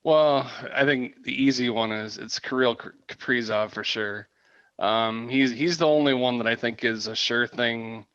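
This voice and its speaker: A man's voice: medium pitch, a little slow, a bit bright, smooth, no room sound, muffled recording. A man as a guest analyst on a podcast, giving opinions on hockey prospects with hesitant restarts. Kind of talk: casual sports talk.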